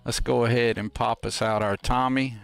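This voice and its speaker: A man's voice: mid-range voice, steady tone, moderate pace, creaky, smooth, soft background music. A man hosting a game stream with casual, folksy, playful and rambling commentary. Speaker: host of a gameplay livestream.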